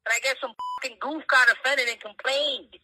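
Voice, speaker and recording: A man's voice: extremely high pitch, steady tone, brisk, rough recording. A man voicing a blunt, folksy, foul-mouthed Canadian uncle leaving a comedic voicemail, heard through a phone speaker. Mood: grumbling. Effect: phone voicemail playback. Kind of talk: comedic phone message monologue.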